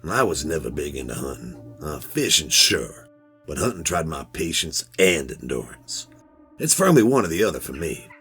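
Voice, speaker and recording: A man with an extremely low, husky, fairly bright voice plays a full character: a laid-back middle-aged metal detector hobbyist telling a first-person horror story about a strange find. His delivery is sing-song at normal speed, folksy, rambling and conversational, with a hushed, uneasy mood over background music.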